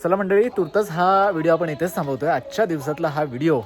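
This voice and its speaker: A man's voice: fairly high pitch, fast. Chatty village vlogger man. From Konkan, Maharashtra. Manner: chatty, addresses viewers as a group, asks them to comment. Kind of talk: casual vlog narration.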